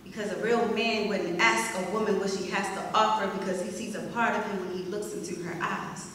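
A woman's voice: medium pitch, fairly even intonation, brisk, fairly bright tone. A young woman performing spoken word poetry at an open mic, with a rhythmic, emphatic, confrontational delivery that builds to punch lines. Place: small arts center stage, indoors. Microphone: stand mic, filmed from the audience. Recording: echoey hall, voice from far off.

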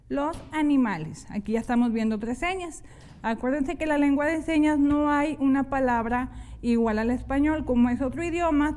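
Female sign language teacher, high-pitched, patient step-by-step explainer. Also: darkish tone. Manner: slow, step-by-step explanation of hand signs. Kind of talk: televised classroom lesson.

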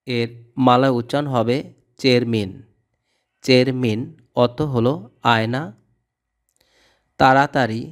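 A man teaching vocabulary, reading each word and its meaning and repeating it in a steady drill. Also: mid-range voice. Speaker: language tutor. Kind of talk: scripted vocabulary lesson.

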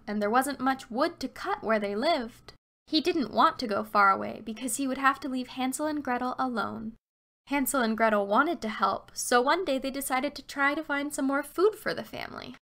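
Bright-voiced woman narrating a children's story. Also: a little high, vocal fry, a little hiss or hum. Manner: expressive, slows down for emphasis.

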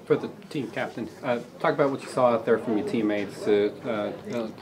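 A man, a reporter, asking questions in a halting way with many fillers. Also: medium pitch, a crowd in the background. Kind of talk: press conference questions.

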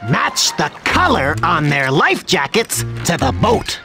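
A man's voice: a little high, huge pitch swings, measured pace, creaky, sharp tone, faint music behind, exaggerated voice. An actor voicing a jolly male pirate pig captain in a game, calling out in hearty pirate talk.

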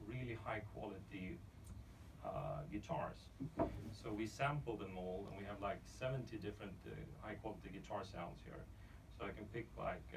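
A middle-aged man, a native Swedish speaker, casually explaining a live software demo at a tech meetup, thinking aloud as he goes. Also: fairly low pitch, gravelly, noisy background. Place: dark conference room with a projection screen. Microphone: far camera in the audience. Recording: distant audience recording with loud music.

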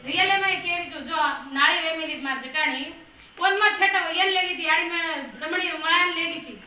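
A woman's voice: very high-pitched, moderate pace, pushed and bright, heavy reverb, recorded from a distance. A woman giving an earnest, exhorting talk to her community, often asking questions of her listeners. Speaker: community speaker. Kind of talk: impassioned monologue on custom.

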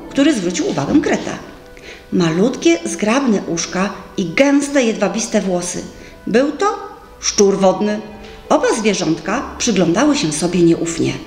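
A woman reading a children's story aloud, her voice rising and falling with lively color. The sound is roomy, with faint music underneath. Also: medium pitch, unhurried. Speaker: audiobook narrator. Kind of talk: scripted storybook narration. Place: library recording room.

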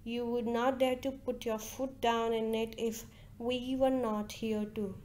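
A woman's voice: fairly high pitch, flat delivery, a little slow, a little mellow, close to an everyday voice. A woman reading aloud, voicing a bold, teasing young girl who often whispers.

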